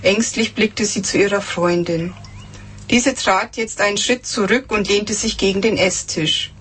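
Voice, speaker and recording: A woman reading aloud from her own novel with expression, voicing the characters' lines higher and slowing down for tense moments. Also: fairly bright tone, slight background noise. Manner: acts out dialogue with raised pitch, slows for dramatic lines.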